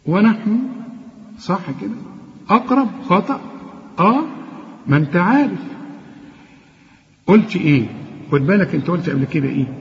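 A man with an Egyptian accent teaches Quran recitation. His voice sits high, and a long reverb trails each word. He corrects a student, drawling verses out slowly as models, on a dull, lo-fi recording. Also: expressive. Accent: Egyptian Arabic. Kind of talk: one-on-one recitation lesson.

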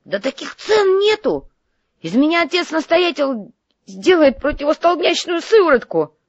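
A woman voicing an excitable, greedy male monk doctor who wheedles while bargaining and bursts into shrill outrage. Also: a little fast, dry recording, dull audio. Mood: outraged.

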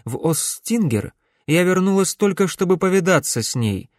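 A man's voice: high voice, lively intonation, dry recording, studio quality, pitched above the performer's own voice. A man voicing Cordelia, a stern sorceress. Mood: insistent. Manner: measured, insistent. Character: stern middle-aged woman sorceress, a necromancer. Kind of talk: audiobook character reading.

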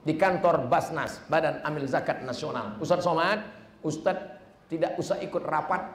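High-voiced, animated male preacher in hall. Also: moderate pace. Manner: animated, mimics askers and rises to shouts. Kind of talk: lively sermon answering audience questions. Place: large hall with a live audience. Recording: roomy live hall with faint ambience.

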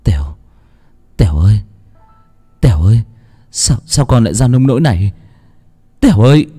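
A grieving husband, played by a male storyteller calls out again and again in a warm, low-toned voice. His pitch swings widely as he sobs the words. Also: very animated, moderate pace, slightly rough, soft background music, exaggerated voice. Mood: anguished. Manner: sobbing, repeating cries. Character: grieving truck-driver husband, anguished.

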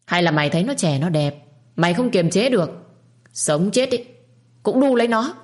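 A woman voicing a spiteful, shrill older secondary wife who screams abuse at servants. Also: lively intonation, moderate pace, a little mellow, close to an everyday voice. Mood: furious. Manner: shrieking, scolding, abusive.

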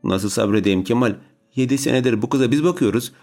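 A man's voice: medium pitch, a little fast, darkish tone, faint music behind, lightly acted. A man voicing a spiteful, scornful middle-aged woman who sneers and spits insults in an audiobook. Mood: complaining.

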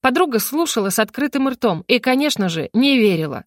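A woman narrating a first-person novel as an audiobook in a lively, expressive manner. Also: a little high, brisk, no echo, studio quality.

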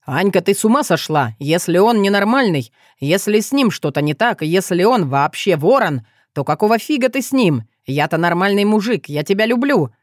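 A woman reading the part of a pushy young man, a jilted childhood friend who pleads and yells. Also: medium pitch, expressive, normal speed, hardly any pauses, no room sound, studio quality, close to an everyday voice. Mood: pleading. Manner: pleading, then shouting.

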